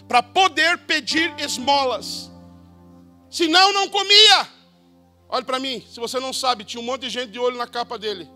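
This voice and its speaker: A Brazilian man preaching a sermon as pastor, dramatic, acting out crowd voices and shouting out names. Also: very high-pitched. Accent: Brazilian Portuguese.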